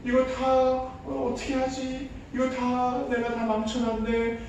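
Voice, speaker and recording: A man's voice: very high-pitched, completely flat delivery, takes it slowly, darkish tone, distant mic, a little hiss or hum, voice pushed up, full character voice. A man voicing a frightened little child who fears being punished, muttering worries in an echoey church hall. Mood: worried.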